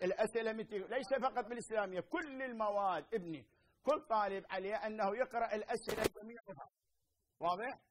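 A middle-aged man with an Iraqi Arabic accent teaching a televised lesson, explaining slowly, repeating points and checking that students understand. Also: high-pitched, low-quality recording. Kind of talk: televised lesson with phone-in questions.

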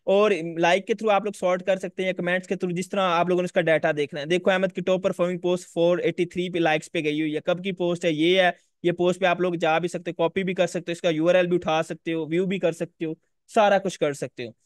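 Male online instructor, higher pitch, dry close mic, chatty screen-share teaching style. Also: level tone, fairly quick, dry recording. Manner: casual, repetitive, addresses viewers directly. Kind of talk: live screen-share tutorial.

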